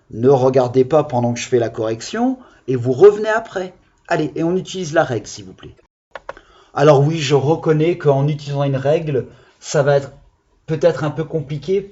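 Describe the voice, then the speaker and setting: A man teaching a remote lesson to young children, patient and slow, spelling out syllables one by one. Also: fairly high pitch, warm tone, highs cut off. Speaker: primary school teacher.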